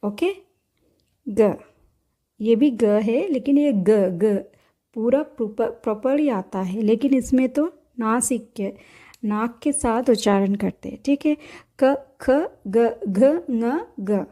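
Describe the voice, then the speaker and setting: Woman, patient teacher, repeats letters, high-ish mellow voice. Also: slow. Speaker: language teacher. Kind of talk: step-by-step writing lesson.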